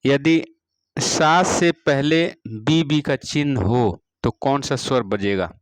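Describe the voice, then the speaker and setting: A man teaching music, reading out practice exam questions and their answers one by one, repeating each question and adding a steady "all right" after each answer. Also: mid-range voice, slow pace, dry recording, poor audio. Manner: repeats each question, fills with "theek hai ji".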